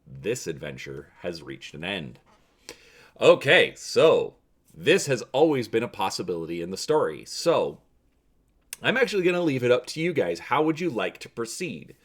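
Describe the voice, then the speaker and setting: A man's voice: mid-range voice, sing-song, normal speed, husky. A man hosting and narrating an adventure story for viewers in a theatrical, emphatic way. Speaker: host and narrator of a story channel. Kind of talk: dramatic reading of an adventure story.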